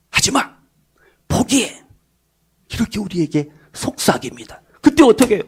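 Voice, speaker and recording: A middle-aged man preaching a sermon as pastor, animated and dropping at times to a whisper. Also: sits high, creaky, breathy edge.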